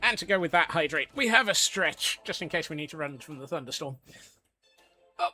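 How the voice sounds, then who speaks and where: A man's voice: on the high side, expressive, fairly quick, bright, forceful tone, soft background music. A man from Scotland chatting casually on a live gaming stream, joking along with viewers and answering their questions. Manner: chatty and jokey, answering chat.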